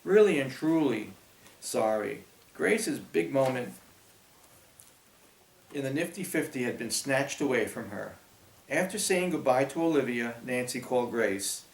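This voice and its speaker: Gravelly man reading aloud. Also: medium pitch, measured pace, long pauses. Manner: steady storytelling. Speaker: audiobook narrator. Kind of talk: scripted narration. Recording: roomy echo.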